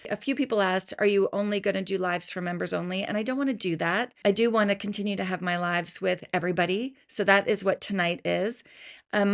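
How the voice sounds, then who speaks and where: A woman's voice: fairly low pitch, creaky. A Canadian woman in her fifties, chatting casually on a livestream from her basement home studio, oversharing and apologizing as she greets viewers, through her computer's built-in mic. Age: 50s. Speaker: beauty vlogger. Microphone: computer mic, no good equipment.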